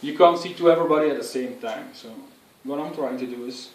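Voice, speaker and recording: A man giving an earnest, instructive speech on public speaking to an audience, with halting phrasing. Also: mid-range voice, distant mic, a little hiss or hum. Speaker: speech giver. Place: room with an audience. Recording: echoey room, picked up from afar.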